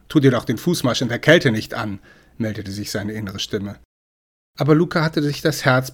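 A man narrating an audiobook in a measured, expressive reading style. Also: medium pitch. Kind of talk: scripted narration.

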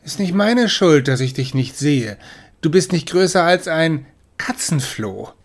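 A man's voice: a little high, lively intonation, unhurried, pitched above the performer's own voice. A man voicing the oldest and strongest male kitten of a litter, boastful and mocking, in a storybook.

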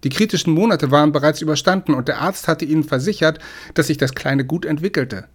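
A man narrating an audiobook in a measured, expressive reading style. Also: a little high. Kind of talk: scripted narration.

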